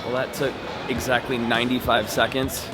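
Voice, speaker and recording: Male vlog host, medium pitch, casual and dryly wry explainer delivery, music bed underneath. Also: level tone, normal speed, rough recording. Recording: music behind the voice. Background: music and airport bustle.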